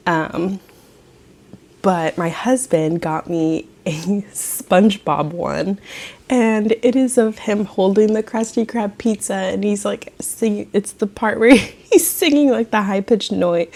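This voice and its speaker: A woman hosting a knitting podcast, chatting casually and giggling, keeping her voice quiet in her morning voice at home. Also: mid-range voice, gravelly. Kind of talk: casual chat.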